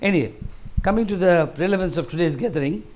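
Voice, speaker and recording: This man from Tanzania, in his sixties, speaks fast in a high, slightly mellow voice. He's a guest speaker at a seniors group meeting in a large hall, rambling through a conversational talk and restarting his sentences.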